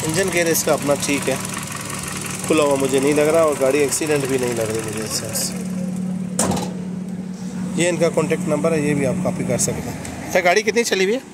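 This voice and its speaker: A man's voice: on the high side, fairly quick, pauses often. Chatty man touring an outdoor car market. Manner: chatty, questions sellers, repeats numbers back. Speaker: used car vlogger. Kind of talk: walk-around vlog at a car market. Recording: outdoor street noise and engines.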